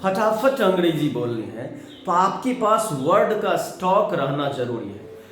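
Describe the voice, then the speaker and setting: A man with an Indian accent teaching English vocabulary, drawing out words slowly as he explains them. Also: on the high side, very animated, a bit bright, a little hiss or hum. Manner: slow drawn-out word spelling. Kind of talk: vocabulary lesson. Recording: very echoey room with faint music.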